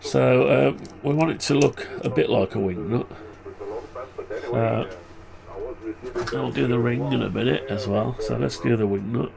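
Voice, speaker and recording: A man's voice: mid-range voice, a little slow, creaky, pauses often. A man with a muffled, blocked-nose voice, tired and stuffed up with flu, rambling as he thinks aloud through a casual hobby tutorial. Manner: rambling, muttering to himself. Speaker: hobbyist presenter.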